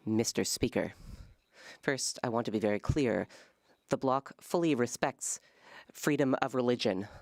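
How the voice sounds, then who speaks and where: An interpreter giving a live, measured rendering of a parliamentary debate in halting phrases. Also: mid-range voice, vocal fry, no room sound, studio quality.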